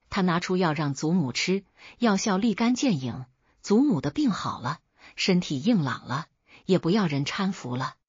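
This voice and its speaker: A woman narrating a folk tale in a measured storytelling read, voicing the characters' lines herself. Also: lowish voice, a little mellow, slightly rough, no echo. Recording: dull lo-fi dry recording.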